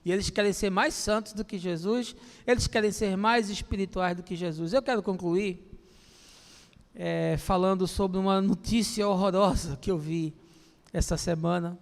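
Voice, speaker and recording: A middle-aged male pastor preaching a lively sermon, acting out voices and calling out to his listeners. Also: high voice, normal speed. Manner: animated, acts out voices, calls listeners "my brother". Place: church. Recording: long church-hall reverb.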